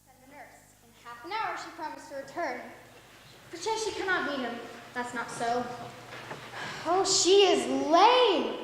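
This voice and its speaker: A woman's voice: high-pitched, lively intonation. A young woman acting an impatient young girl in love in a stage play, pleading and urging for news, on a school stage. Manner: impatient, pleading, quick to urge. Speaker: student actor. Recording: echoey hall, stage mics, faint noise.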